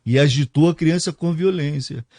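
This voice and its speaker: A man's voice: on the high side, normal speed, a little mellow, dry recording. A male pastor preaching a sermon, explaining a Bible passage verse by verse and tagging his points with "né?" and rhetorical questions.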